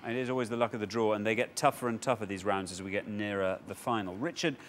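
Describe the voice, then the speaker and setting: A man with an English accent hosting a studio quiz show, announcing rules and scores in a brisk, upbeat way. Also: lowish voice, steady tone, slight background noise. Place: television studio.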